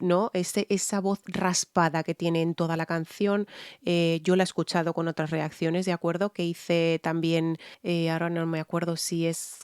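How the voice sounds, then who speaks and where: A woman's voice: on the low side, darkish tone, no room sound, studio quality. Frank Spanish woman analyzing vocals. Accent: Spain. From Spain. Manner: frank, explanatory, frequent "¿vale?" check-ins. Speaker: vocal coach. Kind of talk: music reaction and vocal analysis.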